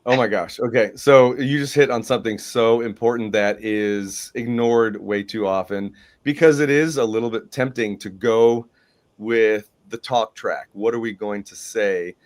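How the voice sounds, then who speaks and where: Male host, lower voice, upbeat and emphatic, business training talk. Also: a little slow. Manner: enthusiastic, emphatic, frequent "right?". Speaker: podcast host.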